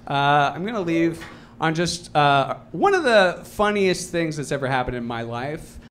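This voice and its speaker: A young man from Virginia performing a loud, animated stand-up set on a club stage. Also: on the high side, unhurried, slight background noise. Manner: loud, animated storytelling with laughs. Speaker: stand-up comedian.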